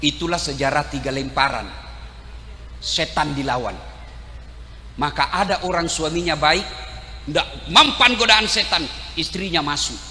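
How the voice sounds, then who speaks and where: A male preacher giving a humorous, animated sermon to a crowd, shouting and joking. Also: a little high, a little slow, long pauses, slight background noise. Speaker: Islamic preacher. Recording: echoey hall, faint ambience.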